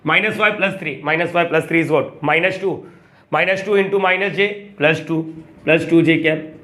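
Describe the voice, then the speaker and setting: A man's voice: fairly high pitch, steady tone, normal speed, bright, forceful tone. A young man teaching math in a chatty lecture, coaxing and quizzing his students as he works through problems. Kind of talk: classroom lecture.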